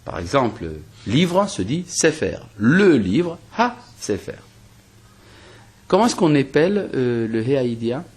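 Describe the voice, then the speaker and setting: Male rabbi from Algeria, husky voice, lively intonation, teacher's rhetorical questions and hesitant restarts. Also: mid-range voice, takes it slowly. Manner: explains step by step, asking rhetorical questions; hesitant restarts and fillers while reasoning. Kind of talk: spoken Torah lesson.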